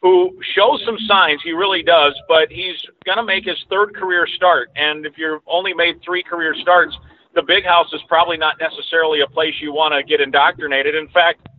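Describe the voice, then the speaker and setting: A radio play-by-play announcer appears as an interview guest over a remote call, offering conversational sports analysis and rephrasing as he goes. His fairly high voice has even intonation and moderate pace, heard through a thin, narrowband phone-like line with slight background noise.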